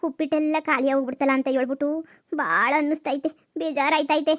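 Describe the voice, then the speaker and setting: A woman's voice: high-pitched, lightly acted. A woman voicing a greedy old village granny. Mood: rambling. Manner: rambling, drawn-out, food-obsessed chatter. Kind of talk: cartoon comedy voice acting.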